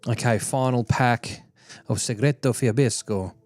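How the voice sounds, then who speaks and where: A man's voice: medium pitch, measured pace, darkish tone. A man streaming, chatting casually and laughing often as he opens card packs and reads chat aloud.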